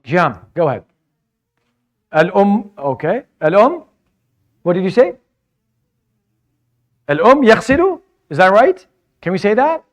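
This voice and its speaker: An Arabic teacher lectures to a class, patiently explaining vocabulary and mixing English explanation with Arabic words. His high-pitched voice is animated and unhurried, with frequent pauses, and he often repeats words while searching for phrasing.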